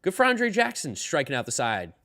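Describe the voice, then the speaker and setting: Slightly high and bright, this man's forceful voice swings hugely in pitch and moves fairly quickly. As host of a daily baseball stream, he rambles loosely and sounds tired, reading out and answering viewers' chat questions.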